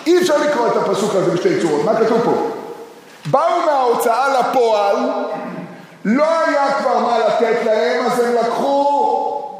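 A man giving a scripture lesson in Hebrew. He reads verses aloud and keeps asking his listeners questions. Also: very high voice. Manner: lively, asks the audience many questions and reads verses aloud. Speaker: Bible teacher. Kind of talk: lecture on scripture. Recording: echoey hall with faint noise.

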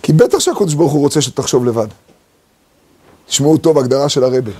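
A man's voice: mid-range voice, mellow, husky. A man teaching a Torah lesson to a group. He asks many rhetorical questions and acts out the voices of the people he quotes.

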